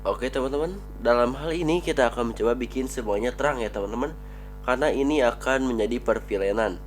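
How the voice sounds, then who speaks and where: Here the same kind of tutorial comes fast: a man with a cold, mid-range in pitch, explains switch configuration command by command while typing, chatting with viewers as friends. He's a networking instructor, and there's a slight hiss or hum on the recording.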